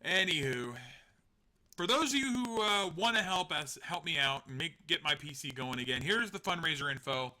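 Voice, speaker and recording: This online show host's fairly high voice sounds pushed and bright, with lively intonation and a normal speed. On his live stream he rambles casually, pokes fun at himself, laughs often, and swears now and then.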